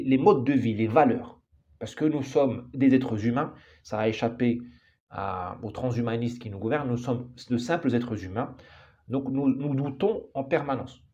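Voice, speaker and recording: Emphatic man with a dark, muffled voice. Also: mid-range voice. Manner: emphatic, frequent restarts and repeated words. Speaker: author commenting on society. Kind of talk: opinionated monologue.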